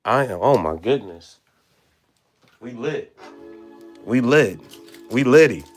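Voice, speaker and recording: A young man hosting a card-opening vlog, excited, exclaiming and stammering over his pulls. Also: medium pitch, takes it slowly, faint music behind. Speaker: card-opening channel host.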